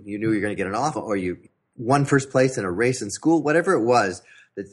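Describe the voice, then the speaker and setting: Man, interview guest, pitch coach, low voice, husky.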